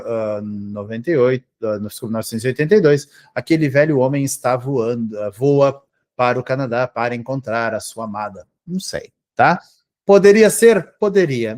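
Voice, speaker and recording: A man speaking Portuguese teaches an English grammar review for exams, breaking each rule into small steps. His pitch swings widely, rising and dropping as he stresses examples. He keeps checking in with his students as he goes. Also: a little mellow. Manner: explains step by step, checks in with frequent "tá?". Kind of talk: grammar lesson for exam prep.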